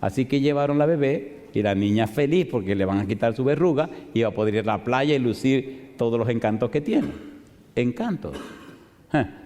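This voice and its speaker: A male pastor with a mid-range voice tells a story in his sermon, delivering it animatedly and posing rhetorical questions to the congregation. The recording carries the long reverb of a large hall.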